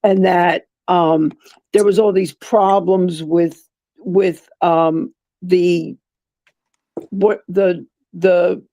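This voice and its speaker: A guest in a casual live-stream chat who talks slowly and searches for words. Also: medium pitch, steady tone, mellow, no echo, highs cut off. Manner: slow, thoughtful, searching for words.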